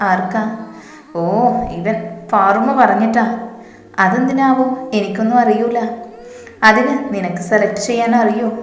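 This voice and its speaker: Flat-voiced woman reading a romance story. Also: fairly high pitch. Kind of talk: reading a romance story, voicing all the characters. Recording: roomy echo with long reverb.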